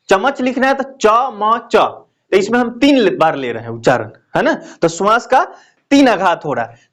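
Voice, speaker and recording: A man teaching grammar in a classroom lecture, who explains slowly, repeats key phrases and keeps asking his students questions. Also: high-pitched.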